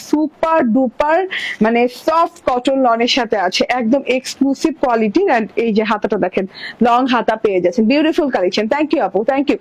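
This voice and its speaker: A woman doing a chatty, animated live-stream sales pitch for clothing, talking straight to her viewers. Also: no room sound, rough recording. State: blocked ears from a cold. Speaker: online clothing seller.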